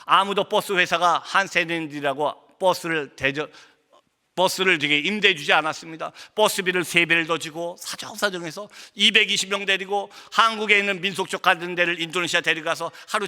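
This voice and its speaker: Male missionary preacher, high ringing bright voice, passionate storyteller, church hall echo. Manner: impassioned storytelling, acts out his own angry outbursts. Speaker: missionary pastor. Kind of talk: sermon testimony. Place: church sanctuary. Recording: long church hall reverb.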